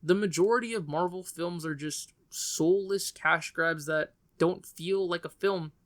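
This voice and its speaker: Outspoken male film reviewer, slightly high voice. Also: unhurried, a bit bright. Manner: opinionated and frank, with loose trailing phrasing. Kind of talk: casual film review vlog.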